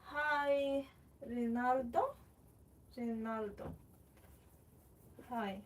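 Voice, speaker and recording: A woman from Sweden hosts a pottery livestream from a warm studio room, chatting in an unhurried way as she greets viewers and answers their comments. Her voice sits a little back from the mic. A faint hum of room ambience stays under her speech. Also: fairly high pitch, recorded from a distance, rough recording. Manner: chatty, reads viewer comments aloud while working clay. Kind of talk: casual livestream chat.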